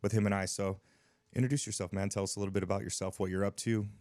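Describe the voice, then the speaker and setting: Laid-back podcast host guy, deep low voice, slangy, super dry close sound. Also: level tone, racing, a little mellow, no room sound. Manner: laid-back, slangy, says dude and bro. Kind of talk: casual podcast interview.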